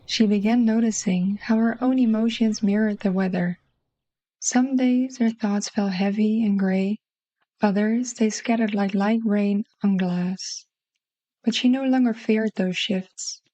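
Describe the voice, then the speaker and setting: A woman with a Dutch accent narrating a literary short story in a soft, mellow voice. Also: medium pitch, fairly even intonation, a little slow, no room sound, highs cut off.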